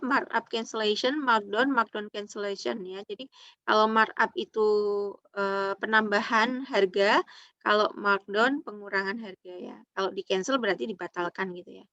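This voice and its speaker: A woman's voice: a little high, sharp tone, no room sound. Patient woman lecturing over a dull line. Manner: patient, explains step by step, tags lines with "ya" and "gitu". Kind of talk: online accounting lecture. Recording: dull lo-fi online call audio.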